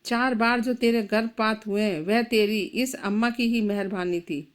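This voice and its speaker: A woman's voice: fairly high pitch, fairly even intonation, moderate pace, natural voice. A woman voicing an enraged young husband. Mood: angry. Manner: shouting, accusing. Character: furious grieving young husband.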